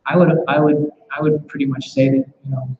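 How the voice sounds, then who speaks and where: The recording, echoey and muffled with background noise, comes from a temple classroom where a man leads a scripture class with questions. His voice is a little high and sing-song with vocal fry, his pace slightly fast, and he speaks reflectively, often restarting with repeated words.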